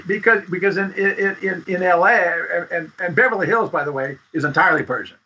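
A man giving advice as a script consultant guest in a casual interview, speaking haltingly and often repeating words. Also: sits high, bright, forceful tone, slightly rough. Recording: dull lo-fi audio.

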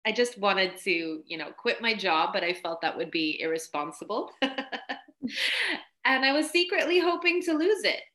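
A woman who works as a spiritual coach guests on a podcast interview, telling her story chattily with frequent laughter and lots of "like" as filler. Her voice is mid-range and a bit bright.

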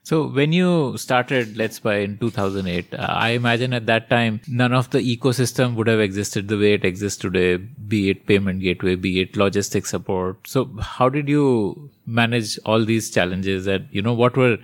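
A man's voice: fairly low pitch, moderate pace, hardly any pauses. A man asking questions as an interviewer.

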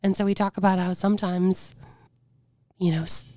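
Hoarse woman talking earnestly, low voice. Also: level tone, moderate pace, warm tone, no room sound. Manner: earnest, reflective, breaks into faint whispers. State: hoarse, weakened voice. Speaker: podcast guest. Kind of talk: candid conversational storytelling.

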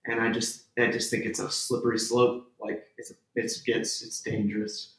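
A man's voice: on the low side, normal speed. Rambling Texan-raised man in echoey room. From Texas. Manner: rambling, heavy on "like", restarts often, grows animated telling stories. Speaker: theater-maker guest. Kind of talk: conversational interview.

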